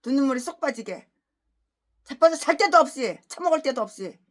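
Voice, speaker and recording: A woman pastor preaching an expository sermon, breaking into angry, abusive tirades that swing between shouting and low muttering. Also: animated, brisk.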